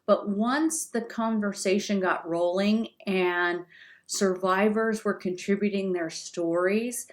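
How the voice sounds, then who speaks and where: Slow, deliberate woman speech pathologist. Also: medium pitch. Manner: slow, deliberate, emphatic delivery. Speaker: speech-language pathologist and podcast host. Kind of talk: encouraging talk on stroke recovery. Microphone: video call.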